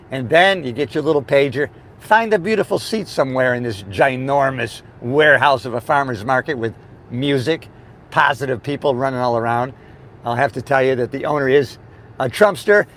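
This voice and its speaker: A man's voice: mid-range voice, moderate pace. A man giving an upbeat, emphatic motivational chat to his audience while driving. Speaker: motivational vlogger. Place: inside a moving car. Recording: steady car and road noise. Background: car and road noise.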